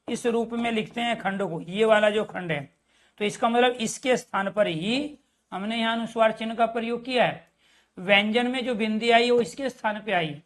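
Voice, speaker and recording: A man's voice: high voice, fairly bright tone. A man teaching a Hindi grammar lesson in an online class. He keeps asking his students questions and answering them himself, and calls his viewers dear friends.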